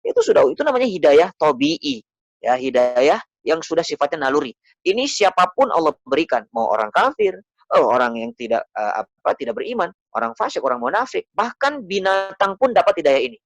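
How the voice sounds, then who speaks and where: A man's voice: a little high, big pitch swings, fairly quick, vocal fry, dry recording, muffled recording. A man giving an Islamic study lecture in a conversational way, often asking the audience questions and acting out little voices. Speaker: Islamic preacher.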